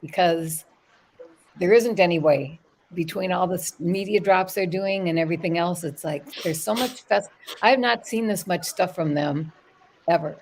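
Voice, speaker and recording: A woman's voice: lowish voice, normal speed, darkish tone, a little hiss or hum. A woman guest in a casual fan chat on a video call, talking eagerly in run-on sentences.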